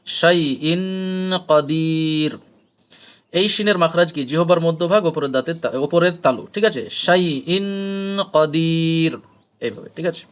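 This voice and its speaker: A man with a Bengali accent teaching Quran recitation, who chants verses slowly with long drawn-out vowels and then explains pronunciation rules in quick spoken asides. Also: on the high side.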